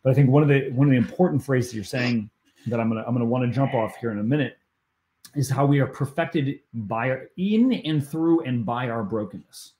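A man's voice: medium pitch, fairly quick, warm tone. A man hosting a coaching podcast, talking enthusiastically in casual conversation and often stumbling over repeated words.

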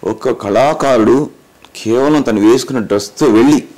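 A man's voice: mid-range voice, moderate pace, dark tone. A middle-aged man, a mimicry artist answering in an interview, emphatic and lecturing, asking and answering his own questions. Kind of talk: interview, explaining.

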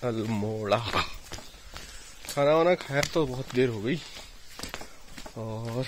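A man's voice: medium pitch, very slow. A man chatting casually with a travel companion outdoors at night, recorded on a phone held by the group. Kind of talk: casual chat. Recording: distant voice with outdoor noise.

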